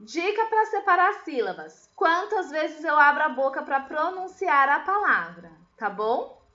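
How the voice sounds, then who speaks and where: A woman's voice: high-pitched, big pitch swings, unhurried, bright, forceful tone, echoey room, lo-fi sound. A woman teacher giving a recorded lesson, explaining patiently step by step and asking her pupils questions. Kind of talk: recorded remote class lesson.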